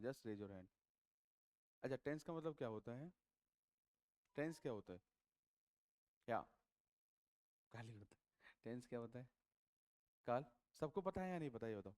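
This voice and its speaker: A man teaching a class of students, switching between Hindi and English, constantly quizzing them with rapid checks for understanding. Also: medium pitch, a little mellow, smooth. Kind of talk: classroom lecture. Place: coaching classroom.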